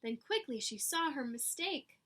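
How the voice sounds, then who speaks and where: A woman with a high, animated voice, pushed and bright, reads a picture book to children at an unhurried pace, with a little hiss or hum in the audio. She uses dramatic emphasis and teacherly asides throughout.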